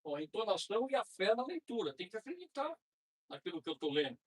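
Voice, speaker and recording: A middle-aged Brazilian man lecturing at a spiritist center in a conversational way, slowing down to read prayers aloud. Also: high-pitched, very animated, breathy edge, poor audio. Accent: Brazilian Portuguese. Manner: conversational, frequent tag questions, slows to read prayers. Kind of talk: informal spiritist talk.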